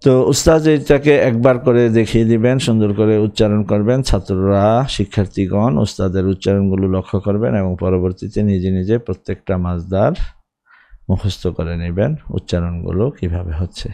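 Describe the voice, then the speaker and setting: A man with a Bangladeshi Bengali accent teaching an Arabic grammar lesson, reciting verb forms slowly, then explaining them briskly. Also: fairly low pitch, fairly even intonation, creaky, warm tone.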